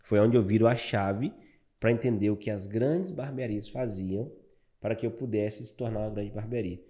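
A Brazilian man in his thirties, a barber, telling his story as a guest in a casual interview, animated and calling the listener "cara". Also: on the low side, moderate pace. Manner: animated, fills talk with "cara".

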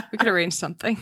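A woman's voice: fairly low pitch, sharp tone, slightly rough, dry recording, clean studio sound. A woman from Massachusetts in her late thirties, co-hosting a casual podcast chat with bawdy, laughing banter. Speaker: podcast co-host.

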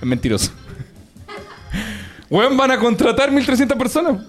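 A man's voice: very high voice, big pitch swings, a little slow, faint music behind. Joking Chilean man on a live stream. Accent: Chilean Spanish. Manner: joking, reads the chat aloud, swears freely. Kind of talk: casual live-stream banter.

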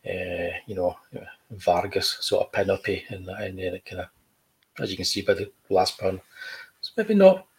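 Gravelly-voiced man chatting. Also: low voice, flat delivery, normal speed, rough recording. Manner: chatty, restarts phrases, dry humor. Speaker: comic book creator guest. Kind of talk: casual video chat, showing artwork.

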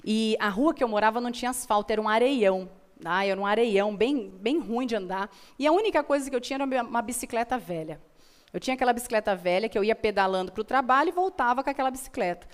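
Her slightly high voice moves quickly with lively intonation, carrying a Brazilian Portuguese accent. She appears as a motivational guest, recounting her own stories earnestly and emphatically while repeating phrases for effect.

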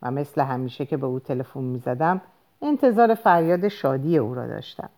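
A woman reads an audiobook told in the first person, delivering it expressively and raising her voice for the dialogue. Her voice is rumbling low, animated, and dark in tone.

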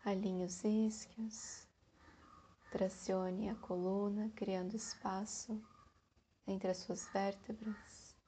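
A Brazilian woman guiding a meditation in a soft, soothing, breathy voice with long pauses, like a calm spa session. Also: medium pitch, a little hiss or hum. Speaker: meditation guide. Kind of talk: guided meditation narration.

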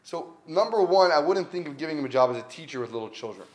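A man's voice: on the high side, lively intonation, quick pace. A man giving an earnest weekly Torah talk, telling stories in a conversational way and stressing his points by repeating them. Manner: earnest, conversational, with emphatic repetition. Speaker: Torah teacher.

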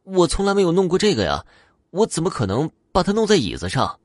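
Scared young guy pleading as a male storyteller voices him, voice jumps up high and rushes, lively. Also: no echo, clean studio sound, exaggerated voice. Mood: protesting. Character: frightened young man pleading his innocence.

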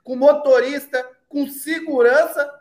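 Male co-host, high voice, jeering accuser in casual banter. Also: steady tone, a little slow. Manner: taunting, accusing.

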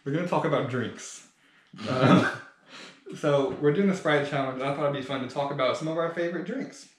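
Relaxed young man in an echoey room. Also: on the high side, moderate pace. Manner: relaxed, conversational. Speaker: podcast co-host. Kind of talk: casual chat.

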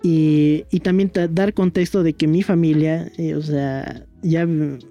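A man's voice: on the high side, fairly even intonation, a little slow, warm tone, soft background music. A young man with a Bolivian Spanish accent, telling a personal story in a rambling, casual way, with many fillers and tag questions. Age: young adult. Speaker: young historian guest.

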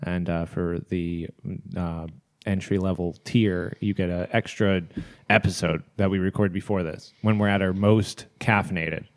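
A man's voice: sits low, fairly even intonation, measured pace. A man co-hosting a podcast in casual, informal chat, recorded in an echoey, bare room. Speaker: podcast co-host. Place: basement studio with wood floors and brick walls. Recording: echoey, unfurnished basement room.

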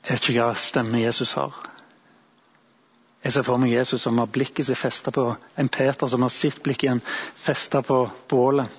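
Guy preaching, husky voice, storytelling slow and thoughtful, kinda muffled recording. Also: medium pitch, level tone. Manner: reflective, storytelling, pausing. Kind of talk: sermon.

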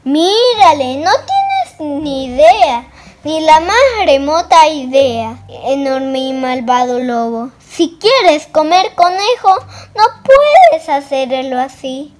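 A man's voice: very high voice, sing-song, slow pace, exaggerated voice. A man voicing a know-it-all little red male rabbit who lectures and scolds. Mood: scolding.

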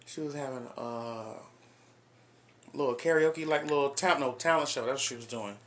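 A man in his twenties hosting a casual podcast, animated and hyped, full of slang and exclamations. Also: mid-range voice, normal speed. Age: 20s. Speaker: podcast host.

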